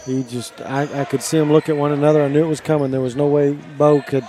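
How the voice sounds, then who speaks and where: A man's voice: a little high, level tone, fast talker, mellow. A man giving casual color commentary at a basketball game, chatty and openly rooting for the home side. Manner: chatty, opinionated, leans toward the home team. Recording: noisy gym broadcast.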